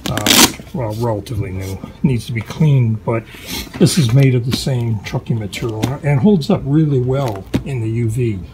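A man's voice: medium pitch, moderate pace, low-quality recording. A middle-aged man casually walking through his boat maintenance projects in a home workshop, talking loosely with lots of fillers and restarts. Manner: relaxed, rambling with frequent fillers and restarts. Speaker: boat owner vlogger. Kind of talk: casual workshop how-to vlog. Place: home workshop garage, indoors.

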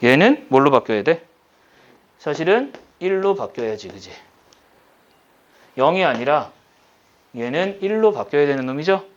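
A male teacher giving a recorded lesson, talking the class through a problem step by step and checking in with many quick questions. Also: fairly high pitch, big pitch swings, dull audio. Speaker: high school Korean teacher.

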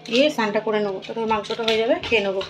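A woman with a hoarse voice, chatting tiredly through a casual home vlog. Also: flat delivery, very fast, over music. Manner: tired, low-energy chatter. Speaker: vlogger. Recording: noisy home recording.

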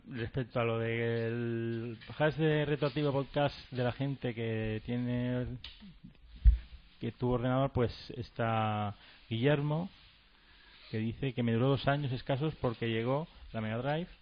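A man's voice: medium pitch, fairly even intonation, slow pace. Hesitant Spanish man reading the chat. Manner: hesitant, unprepared, many fillers. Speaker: podcast co-host reading the chat. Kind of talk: casual chat, reading out listener messages. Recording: dull lo-fi podcast audio.

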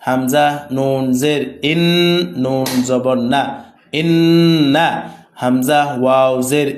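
A man with a Bangladeshi Bengali accent teaching Quran reading, spelling out Arabic letters with their vowel marks in slow, repetitive drills. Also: mid-range voice, fairly even intonation, a little mellow, a little hiss or hum. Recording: echoey room.

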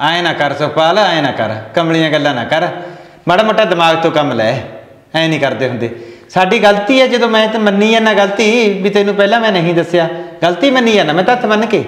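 An actor playing a middle-aged village farmer who pleads earnestly. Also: male voice, high voice, animated, fast talker, fairly bright tone. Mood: pleading. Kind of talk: village family drama acting. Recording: echoey room with long reverb.

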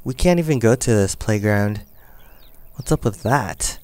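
A young gaming channel host with a lowish, darkish, clean voice chats casually through a let's-play of his life-simulation game. He speaks a little slowly with lively intonation, thinking aloud as he counts and makes choices. The recording is dry.

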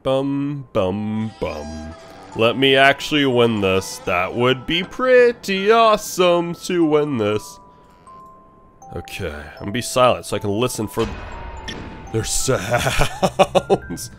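An animated young man narrating his horror game session, his pitch swinging widely as he mutters and talks to the on-screen characters. Faint game music plays behind him. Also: slow pace. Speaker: gaming channel host. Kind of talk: horror game let's play commentary.

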